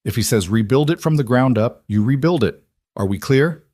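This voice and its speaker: A man voicing a calm, authoritative woman executive on a speakerphone call. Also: medium pitch, moderate pace, no echo, studio quality, pitched above the performer's own voice.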